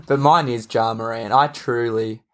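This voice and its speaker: An enthusiastic man co-hosts a casual sports podcast. His voice sits at a mid pitch, and he argues his opinions with eager conviction. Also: steady tone, measured pace, a bit bright. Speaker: podcast co-host.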